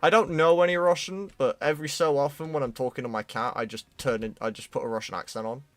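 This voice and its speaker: A man's voice: medium pitch, steady tone, quick pace. A British man talks through his modelling on a stream. His voice sits mid-range and easygoing. He keeps the chat loose, with dry, self-deprecating humour. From United Kingdom. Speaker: streamer, 3D artist. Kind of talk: casual chat while working.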